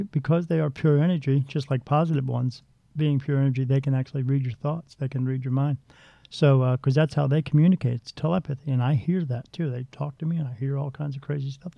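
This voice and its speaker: Gravelly man with a dull lo-fi sound. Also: fairly high pitch, no echo. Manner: blunt, rambling, with frequent restarts. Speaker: psychic medium. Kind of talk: casual storytelling interview.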